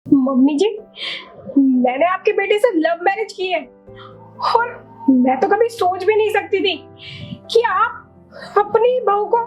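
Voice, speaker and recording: A woman acting as a young daughter-in-law in a family drama, wounded but standing her ground, speaking slowly and brokenly when upset. Her voice is very high, and soft music plays behind. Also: lively intonation, full character voice, rough recording. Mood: hurt, defiant. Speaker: actor in a family drama short. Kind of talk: melodramatic short-film acting.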